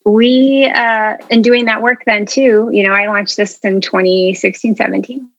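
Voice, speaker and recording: Her mid-range voice keeps a fairly even intonation and a moderate pace as she tells her story as an interview guest. The woman, a food media founder, is earnest and chatty, using lots of fillers like um and you know, in a dry, dull recording.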